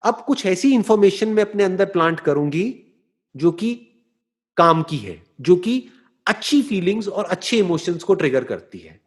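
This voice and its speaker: A man giving a slow, deliberate motivational talk, often checking in with rhetorical questions and slipping into English phrases. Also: high voice, sing-song. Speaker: motivational speaker. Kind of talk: explanatory talk answering a listener.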